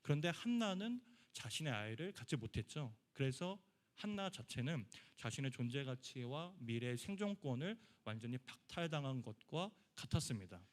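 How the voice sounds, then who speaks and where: A man's voice: mid-range voice, very animated, normal speed. A young man giving a conversational sermon to a youth congregation in a church hall. He speaks casually and acts out the quoted lines of people in the story. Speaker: youth pastor.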